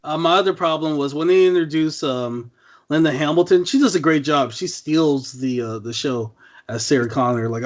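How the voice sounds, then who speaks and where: A man co-hosting a podcast, chatting casually about a movie and acting out scenes in mock voices. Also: medium pitch. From Trinidad. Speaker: podcast co-host. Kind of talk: casual movie review chat.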